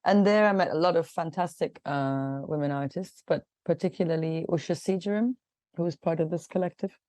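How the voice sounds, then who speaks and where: A woman's voice: fairly low pitch, brisk, dark tone, no room sound. A woman from Kenya in her forties, a guest artist talking casually in an interview, chatty, with fillers, restarts and frequent laughs.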